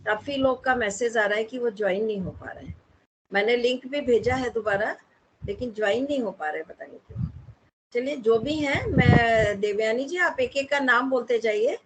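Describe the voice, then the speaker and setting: A woman's voice: a little high, animated, normal speed, noisy background. A woman coordinating an online class over a video call, politely asking new students to introduce themselves.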